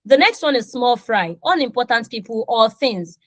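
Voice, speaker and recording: A Nigerian woman in her thirties whose first language is Yoruba teaches an online English class, playfully acting out little example dialogues with her students. Her voice sits on the high side and she talks at a normal speed. The recording is dry and animated in feel.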